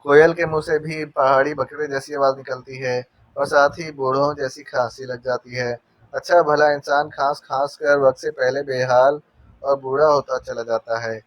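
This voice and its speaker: A man's voice: medium pitch, steady tone, normal speed, no room sound, lightly acted. A man voicing a male spy who mocks his captive with silly, teasing wordplay, in an audio novel. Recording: dull dry narration recording.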